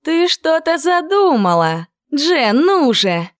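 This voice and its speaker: A woman's voice: on the high side, expressive, dry recording, clean studio sound, voice pushed up, close to an everyday voice. A woman doing a lilting, gushy young girl. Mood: curious. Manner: lilting, exclaiming, drawn-out. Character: young redheaded girl, dreamy and gossipy.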